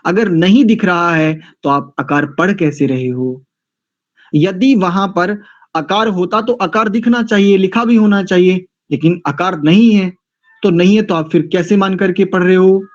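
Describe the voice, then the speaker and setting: Slow, deliberate man teaching scripture. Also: high-pitched. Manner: deliberate, corrects pronunciation, chants Sanskrit mantras slowly. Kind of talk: religious class lecture. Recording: dull lo-fi recording.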